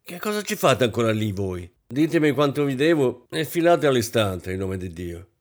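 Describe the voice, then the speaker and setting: A man's voice: mid-range voice, big pitch swings, moderate pace, natural voice. A man playing a curt, irritated rich husband.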